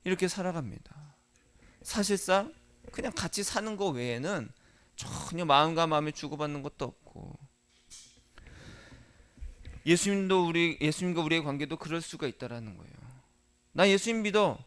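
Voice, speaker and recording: High-voiced Korean pastor preaching. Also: male voice, expressive, moderate pace, pauses often, clean tone. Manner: rhetorical questions to the congregation, swings from soft to emphatic. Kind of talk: sermon.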